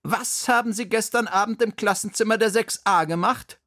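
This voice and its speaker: A man voicing a stern female school principal in a children's radio story, slow and formal. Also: mid-range voice, a bit bright, no echo, clean studio sound, voice pushed up, lightly acted.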